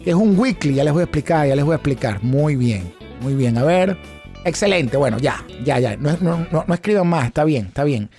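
Faint music plays behind a middle-aged man whose voice sits on the high side yet sounds dark, expressive, and at normal speed. As an options trading instructor, he teaches a live online session in Spanish laced with English terms, quizzing the audience and repeating key phrases. He's recorded on a close studio microphone set up on a desk.

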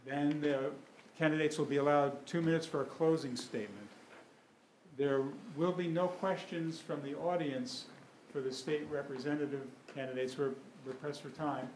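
An older man, the moderator of a public candidates forum, explaining the rules at a podium microphone in a relaxed, halting way with many fillers. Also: a little high. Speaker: event moderator. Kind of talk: opening remarks at a public forum. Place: school meeting room, at a podium. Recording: roomy hall with faint room noise.

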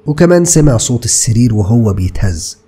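A man in his thirties with an Egyptian accent, narrating scary stories as a channel host with dramatic delivery and hushed words, close to a desk mic in a studio. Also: medium pitch, fairly quick, slight background noise. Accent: Egyptian Arabic. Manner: dramatic, lively storytelling with sudden hushed words. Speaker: horror storyteller host. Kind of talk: scripted horror narration. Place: dark indoor studio. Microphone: desk mic close to mouth.

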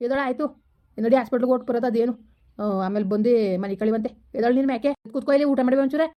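A woman's voice: on the high side, steady tone, very fast, lo-fi sound, natural voice. A woman playing a forgiving village husband who coaxes and reassures his wife, speaking. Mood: consoling. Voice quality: coaxing, reassuring. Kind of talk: village family drama acting.

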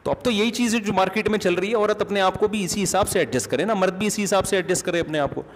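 A man's voice: sits high, fast talker, a little hiss or hum. A male religious scholar giving a conversational lecture, asking his listeners questions as he talks. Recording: long hall reverb.

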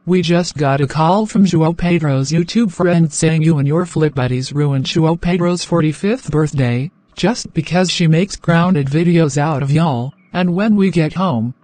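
A woman's voice: sits low, a little slow, few pauses, mellow, no echo. A synthetic woman's voice playing a stern, scolding mother in an amateur cartoon, with stilted text-to-speech delivery. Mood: angry. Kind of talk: text-to-speech animated dialogue.

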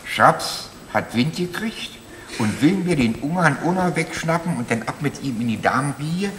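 An older actor playing a stubborn, meddling retired man near seventy in a stage comedy, talking in an animated, sputtering way. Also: a little high, normal speed, noisy background, close to an everyday voice. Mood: scheming. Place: theater stage. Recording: echoey theater stage with audience laughter. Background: audience laughter.

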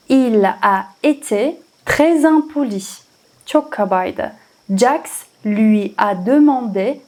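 Higher-voiced woman teaching a language lesson. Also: dark tone. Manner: repeats phrases slowly, word by word, then translates; casual, thinking aloud about translations. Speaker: French teacher. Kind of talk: language lesson translating game dialogue.

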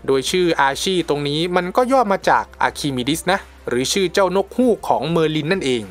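A man's voice: fairly high pitch, lively intonation, fairly quick, faint music behind. Chatty man narrating a movie recap. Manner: chatty and slangy, addresses viewers as friends.

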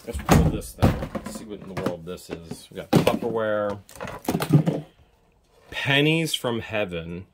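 Digging through boxes at a storage unit, a thirty-something buyer and host jokes his way through casual unboxing commentary. He speaks in a lowish, expressive voice, a little slowly, with long pauses. He's recorded outdoors on a body-worn camera, with noise and handling clicks.

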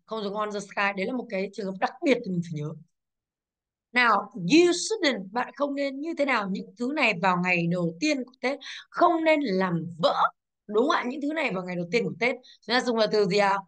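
A woman's voice: medium pitch, lively intonation, racing, hardly any pauses, a bit bright. A female English teacher going over exercises, explaining each answer and checking with the class, with English words in a Vietnamese accent. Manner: explains step by step, checks with "đúng không ạ".

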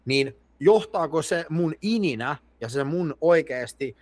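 Man, podcast guest, earnest, lively pitch, dry close sound. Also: no echo. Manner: earnest, restarting sentences while agreeing. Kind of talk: casual podcast conversation.

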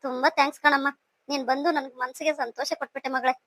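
A woman voicing a gentle, contented older mother in a cartoon, speaking softly and tenderly. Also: sits high, flat delivery, very fast, dry recording, pitched below the performer's own voice, lightly acted. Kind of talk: cartoon voice acting.

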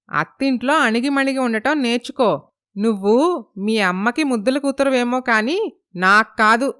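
A woman's voice: a little high, smooth. A woman playing a harsh, scolding mother-in-law. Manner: scolding, sharp-tongued. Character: domineering middle-aged mother-in-law, harsh.

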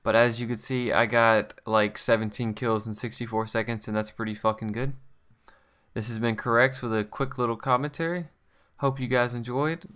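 Man, casual gameplay commentary, smooth resonant voice, offhand rambling delivery. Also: medium pitch, steady tone, normal speed, fairly bright tone. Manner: rambling, offhand, self-correcting. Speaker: gaming channel host.

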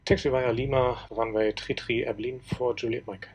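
A man's voice: medium pitch, fairly even intonation, normal speed, a little mellow. A man as an airline pilot on a headset, reading back air traffic control calls in clipped, formal radio phraseology. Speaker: flight sim pilot. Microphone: headset mic.

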